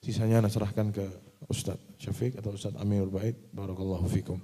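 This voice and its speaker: A man's voice: on the low side, level tone, fast talker, warm tone, breathy edge, long reverb tail. A man preaching as an ustadz in a religious question-and-answer session, putting direct rhetorical questions to his congregation.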